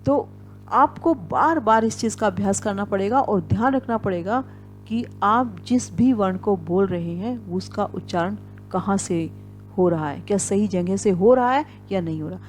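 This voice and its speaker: A woman's voice: mid-range voice, moderate pace, darkish tone, faint music behind. A woman teaching Hindi pronunciation, saying each sound and example word several times over and checking in often. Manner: frequent "ठीक है" check-ins. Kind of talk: pronunciation lesson.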